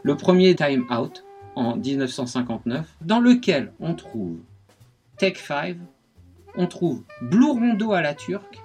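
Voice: mid-range voice, very animated, takes it slowly, a little mellow, husky, faint music behind. A radio guest explaining jazz rhythms, speaking patiently with many hesitations and counting beats aloud.

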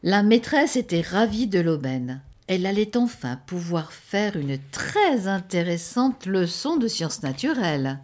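A woman reading a children's story aloud in an expressive, dramatic way. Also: lowish voice.

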